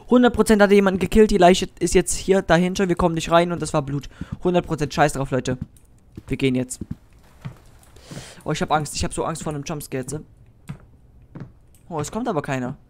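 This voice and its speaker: A gaming YouTuber giving horror let's play commentary, jumpy and easily startled, swearing with youth slang and talking straight to viewers. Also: medium pitch. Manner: talks directly to viewers.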